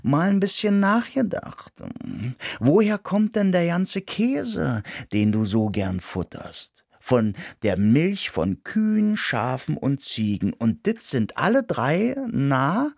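A man's voice: on the high side, big pitch swings, slow, vocal fry, dry recording, clean studio sound, voice pushed up, exaggerated voice. A man voicing a sly female cat, purring and teasing.

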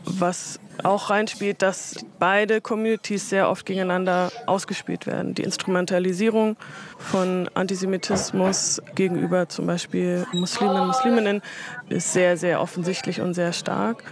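A woman who grew up in Germany, giving measured, reflective answers in an interview. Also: fairly low pitch, steady tone, background noise. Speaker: interview guest.

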